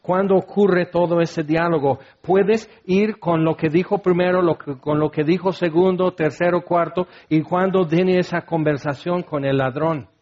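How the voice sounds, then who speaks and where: A man preaching a sermon, animated, acting out biblical voices and sometimes shouting. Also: a little high, moderate pace, hardly any pauses. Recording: dull lo-fi sound.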